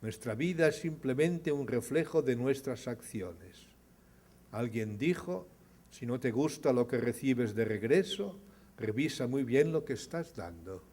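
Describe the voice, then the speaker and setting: A man's voice: medium pitch, expressive, unhurried. Older man telling moving stories. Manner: dramatizes dialogue with rising, louder voice. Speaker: speaker at an award ceremony. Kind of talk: storytelling speech.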